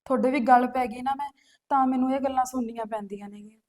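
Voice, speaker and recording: A young woman with a high, steady, slightly mellow voice that sounds close to everyday speech talks fast as she plays a hurt, resentful sister. She sulks and answers back defiantly while faint music plays in the background.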